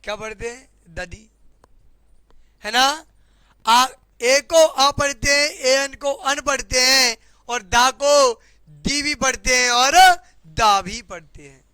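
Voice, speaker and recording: Guy with hindi accent teaching grammar, high clear voice, talks slow, dry room. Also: sharp tone, no room sound. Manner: repeats questions to the class, asks "है ना?". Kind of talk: classroom lesson explaining grammar.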